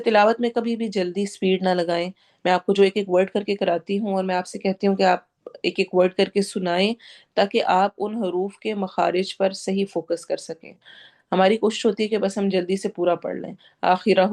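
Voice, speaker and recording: A woman with a Pakistani Urdu accent teaching tajweed, going word by word and slowly drawing out each recited word. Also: medium pitch, a little mellow. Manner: explains pronunciation patiently, drawing out recited words slowly; mixes English words into Urdu explanations.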